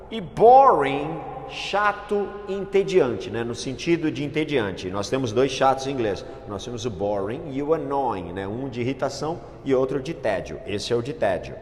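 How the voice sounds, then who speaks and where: Animated man teaching in an echoey room. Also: a little high. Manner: animated, exclamatory, emphatic. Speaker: English teacher. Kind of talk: classroom grammar lesson. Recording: echoey room with long reverb.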